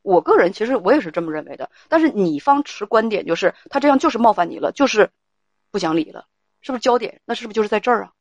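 This advice livestreamer is firm and expressive, passing judgment on a caller's family fight and speaking over her to keep control. Her mid-range voice moves at a quick pace, and the recording is dry and lo-fi.

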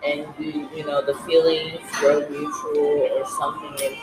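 A woman's voice: low voice, little pitch movement, moderate pace, loud music behind the voice. A young woman in her twenties co-hosting a podcast in casual chat, often hesitating and correcting herself. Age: 20s. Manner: hesitant, restarts and self-corrections. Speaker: podcast co-host. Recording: echoey room with noise.

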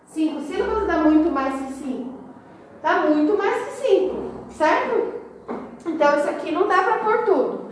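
A woman's voice: very high voice, a little mellow, distant mic, slight background noise. A woman teaching a class, explaining step by step and counting syllables aloud. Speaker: schoolteacher. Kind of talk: classroom instruction. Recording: echoey room, recorded from afar.

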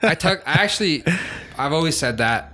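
A man's voice: fairly high pitch, lively intonation, brisk, bright, forceful tone, slight background noise. A man co-hosting a gaming podcast, laid-back and dry, telling jokes at an easy pace. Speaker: podcast co-host. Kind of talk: casual chat.

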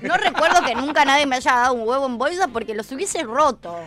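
A woman's voice: sits high, animated, quick pace, a bit bright, soft background music. A woman with an Argentine accent co-hosting a casual show, talking in a dramatic, mock-confused way. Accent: Argentine Rioplatense Spanish. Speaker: co-host. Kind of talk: casual banter.

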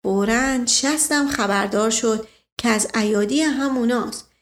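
Woman reading an audiobook, steady storyteller, kinda high voice. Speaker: narrator. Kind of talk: audiobook narration.

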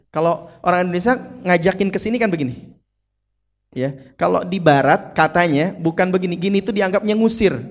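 High-voiced Sundanese-accented man preaching playfully. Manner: lively and playful, acts out quotes and mimics. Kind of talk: sermon. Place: mosque.

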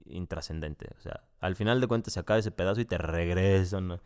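A man's voice: deep voice, fairly quick, darkish tone, smooth. A man with a Mexican accent giving a casual, profane, rambling spoken review full of slang and restarts. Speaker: video reviewer.

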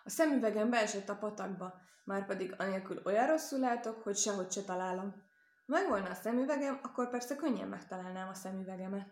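A woman's voice: medium pitch, darkish tone, roomy sound, close to an everyday voice. A woman voicing a plump, fussy mother goose in a storybook reading, chatty and bustling.

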